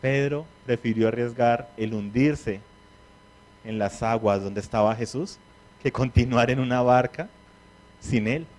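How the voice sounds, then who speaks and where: A man's voice: mid-range voice, measured pace, a little mellow. A man preaching a sermon, who asks the congregation questions and acts out the words of biblical figures.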